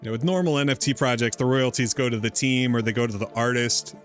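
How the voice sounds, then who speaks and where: A man's voice: mid-range voice, fast, soft background music. A man hosting a casual crypto livestream, talking in a fired-up, rambling way with frequent restarts. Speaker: livestream host.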